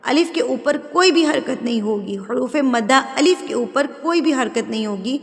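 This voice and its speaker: A woman teaching Quran recitation rules step by step, explaining patiently, checking that students follow and drawing out example words slowly. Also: high voice, lively intonation, vocal fry, big-room sound. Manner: switches into slow, drawn-out, louder recitation for examples. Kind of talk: step-by-step tajweed lesson.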